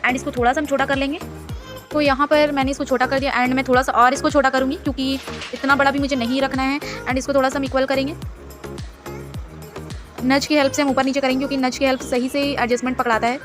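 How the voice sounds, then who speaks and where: A woman's voice: sits high, flat delivery, quick pace, music in the background. A woman hosting a screen-recorded design tutorial, chatty and instructive, mixing English words into her Hindi.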